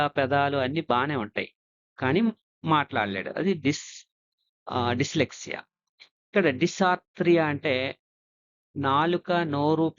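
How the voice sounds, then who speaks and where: A man's voice: on the high side, a bit bright. Man giving an exam-prep lecture, lo-fi. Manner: explains step by step, mixing English terms into his talk. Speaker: teacher.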